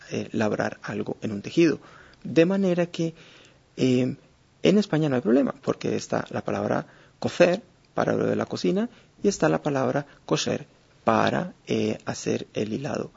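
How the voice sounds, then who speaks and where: A man teaching a lesson, speaking in a measured way with many hesitations and fillers. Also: medium pitch, vocal fry, darkish tone, breathy edge. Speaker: Spanish teacher. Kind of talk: explanatory lesson. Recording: dull lo-fi recording.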